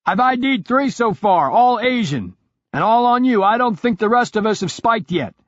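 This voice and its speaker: A man's voice: high voice, lively intonation, moderate pace, no room sound, highs cut off, pitched above the performer's own voice. A man voicing a tense male operative calling in urgent, clipped warnings.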